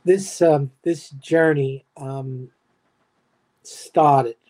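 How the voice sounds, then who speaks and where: An older man, a guest on a livestream, speaking in a halting way with many fillers. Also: fairly high pitch, steady tone, darkish tone. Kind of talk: conversational livestream talk.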